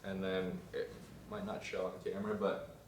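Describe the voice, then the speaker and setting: A young man, a fashion design student, chatting casually in a vlog, rambling and trailing off into quiet asides. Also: low-pitched, completely flat delivery, moderate pace, distant mic, noisy background. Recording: roomy sound from off mic, faint ambience.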